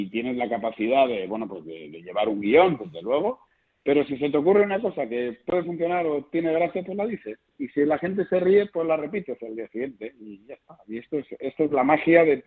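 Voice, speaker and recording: A man's voice: mid-range voice, husky. A man, a clown being interviewed, telling stories in a chatty way. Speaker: interview guest. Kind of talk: phone interview. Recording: tinny phone line.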